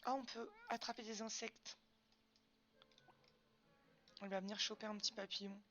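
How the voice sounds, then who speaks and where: A woman's voice: medium pitch, fairly even intonation, normal speed, pushed and bright. A young woman chatting casually on a game stream, answering chat questions with lots of fillers. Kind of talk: casual live-stream chat while gaming.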